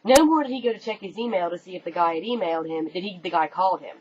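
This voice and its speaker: A young American woman telling a story to her webcam in an animated, casual way, swearing freely. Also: lowish voice, quick pace, breathy edge. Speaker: vlogger. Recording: dull lo-fi webcam audio, faint room noise.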